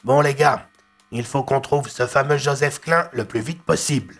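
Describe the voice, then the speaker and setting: A man voicing a blunt male police commissioner with a gravelly, husky voice. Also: medium pitch, moderate pace, fairly bright tone, soft background music.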